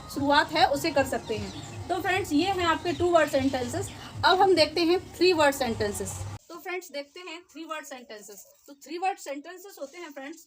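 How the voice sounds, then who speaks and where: A woman teacher, explaining short sentences step by step and repeating each phrase slowly. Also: high voice, slight background noise. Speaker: English teacher. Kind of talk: spoken English lesson.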